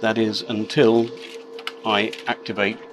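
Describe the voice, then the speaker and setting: A man with a low voice presents a practical tutorial step by step. His delivery is measured and matter-of-fact. Clear noise from a running machine sits behind his voice. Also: level tone. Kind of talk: step-by-step demonstration narration. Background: laser cutter machine noise.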